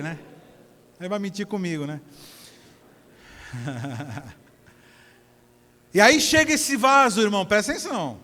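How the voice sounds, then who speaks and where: A man with a Brazilian Portuguese accent delivers a sermon in a high-pitched voice. He tells his stories with animation, swinging from near-shouts to soft asides. The church hall rings with long reverb behind him. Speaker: pastor. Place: church service.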